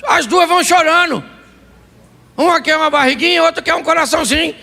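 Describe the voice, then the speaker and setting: A man preaching with a strikingly high, gravelly voice that swings up and down all the time. His tone is bright and forceful, and he drives his sermon with rhetorical questions and playful jokes. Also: a little fast. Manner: animated preaching with rhetorical questions and comic asides. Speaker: pastor. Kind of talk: humorous sermon.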